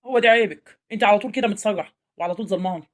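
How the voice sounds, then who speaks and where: A woman with an Egyptian accent playing a young village man who schemes to marry a rich cousin in secret, talking smoothly and persuasively. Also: mid-range voice, racing, lightly acted. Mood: coaxing. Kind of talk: amateur village drama acting.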